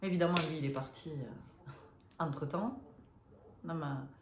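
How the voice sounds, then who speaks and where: Woman, 50s, low voice, halting confiding storyteller, echoey room. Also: background noise. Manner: hesitant, many fillers and restarts; emotional, confiding. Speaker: spiritual vlogger. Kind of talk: personal storytelling to viewers. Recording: roomy echo.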